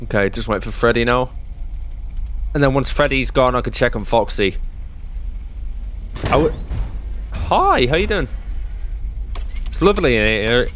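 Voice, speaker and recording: A man's voice: medium pitch, normal speed, long pauses, fairly bright tone. A young man commentating on a horror game, sarcastically chatting to the enemies as he plays. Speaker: gameplay streamer.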